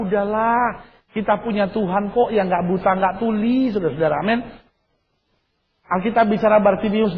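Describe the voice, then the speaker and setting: A man preaching a sermon, asking the congregation questions and answering them with emphatic repetition. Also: sits high. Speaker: pastor. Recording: dull recording with faint hiss.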